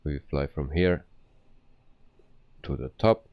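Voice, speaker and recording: Very deep, slow-talking man streaming, dull sound. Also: expressive. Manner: hesitant, explaining step by step. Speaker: flight simulator live streamer. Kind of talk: casual game commentary.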